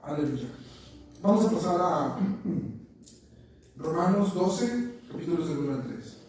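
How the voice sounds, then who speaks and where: A man's voice: fairly high pitch, sing-song, slow pace, darkish tone. A man preaching a sermon, telling stories and repeating words as he searches for them. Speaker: pastor. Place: church meeting room. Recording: echoey church room from far off, faint noise.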